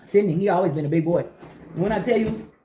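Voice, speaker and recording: A middle-aged woman chatting casually to viewers while eating, telling stories in an animated way and acting out conversations. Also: on the low side, fast, slight background noise, poor audio. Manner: talking while eating breakfast. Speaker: vlogger.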